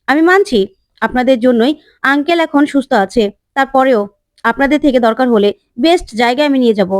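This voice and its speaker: A woman's voice: high-pitched, no room sound, clean studio sound. A woman voicing a pushy, arrogant young man who talks in a brash, hectoring way.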